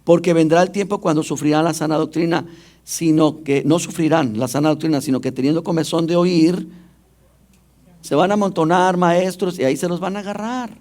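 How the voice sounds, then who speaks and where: A man's voice: on the high side, steady tone, fairly quick, a little mellow. A man preaching a sermon as pastor, often putting questions directly to the congregation.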